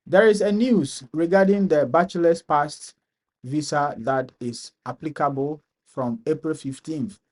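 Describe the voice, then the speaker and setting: A man with a Ghanaian accent runs a live-stream Q&A, reading viewers' comments aloud before answering each one. He often repeats his phrases for emphasis, and his voice sits a little higher than most men's. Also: a little mellow. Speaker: channel host answering viewer questions.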